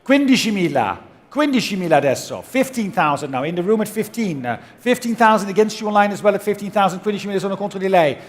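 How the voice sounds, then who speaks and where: A man's voice: high voice, lively intonation, fast talker, few pauses. A man working as an auctioneer, calling bids in a repetitive chant at a live auction and switching between languages. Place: auction room.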